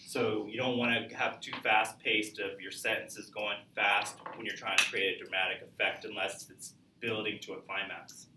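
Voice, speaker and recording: A man's voice: fairly low pitch, flat delivery, moderate pace, hardly any pauses, recorded from a distance, heavy background noise. A man teaching a public speaking class, lecturing conversationally and asking students questions. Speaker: college speech instructor. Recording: echoey classroom recorded from afar.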